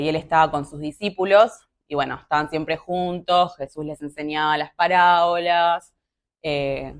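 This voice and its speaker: Young woman w/ rioplatense accent preaching, chatty, lots of ums, lowish voice. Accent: Rioplatense Spanish. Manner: conversational, with many fillers and asides. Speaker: youth preacher. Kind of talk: casual sermon.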